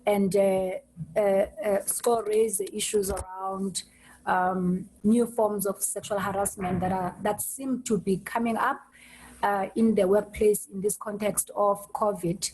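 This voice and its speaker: A woman hosting an online meeting over a video call, speaking haltingly and restarting her words often. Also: medium pitch, steady tone, a little mellow, slight background noise, low-quality recording. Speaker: host.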